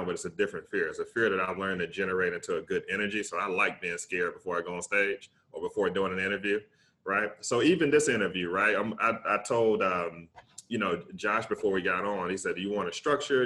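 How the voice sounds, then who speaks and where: A middle-aged man with a Southern US accent, talking casually and emphatically as a motivational interview guest, often checking his points with a quick tag question. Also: sits low, bright, forceful tone. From Alabama, United States. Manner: emphatic, conversational, often tags points with "right?". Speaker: interview guest, public speaker.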